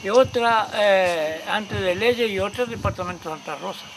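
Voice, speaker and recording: A man's voice: sits high, moderate pace, a little hiss or hum, poor audio. A man, a local resident explaining the past in a conversational way during a documentary interview. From Argentina.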